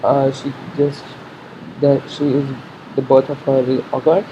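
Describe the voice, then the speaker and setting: A fan giving casual commentary on an episode preview, haltingly thinking aloud, repeating and correcting themselves, on a muffled recording. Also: mid-range voice, little pitch movement, mellow. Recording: muffled sound with faint background noise.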